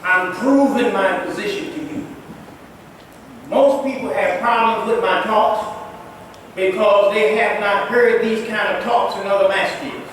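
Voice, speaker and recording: A man's voice: high voice, steady tone, a little slow, fairly bright tone. A man giving an emphatic Friday sermon as imam, speaking directly to the congregation in a mosque. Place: mosque prayer hall. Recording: echoey far-off hall recording, faint noise.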